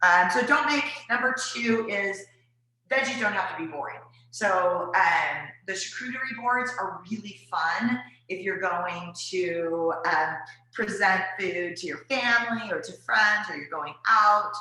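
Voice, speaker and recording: A woman's voice: medium pitch, measured pace, sharp tone. A woman giving casual cooking tips to viewers, chatty and rambling with lots of fillers. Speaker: wellness presenter. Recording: very echoey room.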